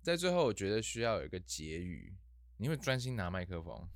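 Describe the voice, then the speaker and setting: A woman's voice: extremely low pitch, sing-song, brisk, no room sound. A woman co-hosting a podcast, chiming in with dry, wisecracking remarks. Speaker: podcast co-host. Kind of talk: casual chat.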